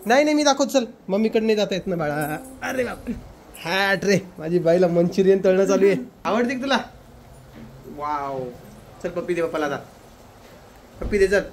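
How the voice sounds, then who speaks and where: A man's voice: sits high, animated, normal speed, long pauses, slight background noise. Playful father vlogging from home. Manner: playful, coaxing with a small child, chatty aside to viewers. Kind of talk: casual home vlog chat. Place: home kitchen, indoors.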